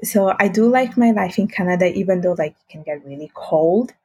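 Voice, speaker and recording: A woman's voice: mid-range voice, expressive, brisk, darkish tone, husky. A young woman from Italy, a guest author speaking in a casual interview, hesitant and full of fillers and restarts.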